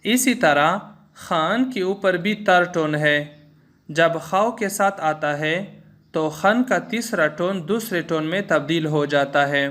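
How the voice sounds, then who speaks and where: A man's voice: on the high side, slow, fairly bright tone. A man speaking with an Urdu-influenced accent, teaching a language lesson and patiently repeating each example three times. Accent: Urdu-influenced Hindustani. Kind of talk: slow spoken language lesson with repeated drills.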